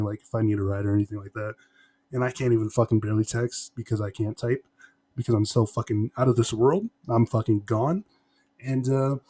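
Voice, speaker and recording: A man's voice: medium pitch, warm tone. A young man telling a personal story in a casual, rambling vlog style, with slangy, emphatic phrasing and heavy swearing.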